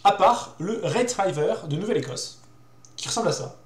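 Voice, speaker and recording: A man's voice: high voice, lively intonation, normal speed. A young man explaining in casual, hesitant talk as a show host, with many fillers, repeated words and youthful slang. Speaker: host presenting dog breeds. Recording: roomy echo.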